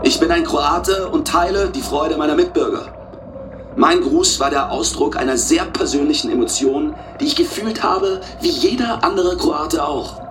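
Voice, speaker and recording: A man playing a self-justifying footballer in a scripted monologue, declamatory and deliberate. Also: a little high, lively intonation, noisy background, natural voice. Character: self-justifying footballer giving solemn, deliberate public statements.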